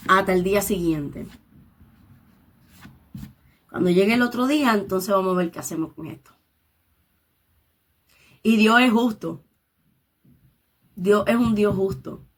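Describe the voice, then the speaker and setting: A woman's voice: medium pitch, measured pace, long pauses. A woman leading a Bible study, reading scripture aloud and explaining it in her own words, dropping in English interjections. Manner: reads scripture aloud and paraphrases it.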